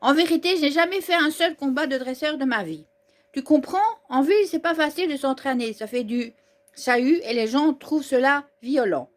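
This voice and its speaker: A woman reading aloud the lines of an eager, boastful young male Pokémon trainer from a manga, excited and declaiming. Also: high voice, normal speed, voice pushed up, close to an everyday voice.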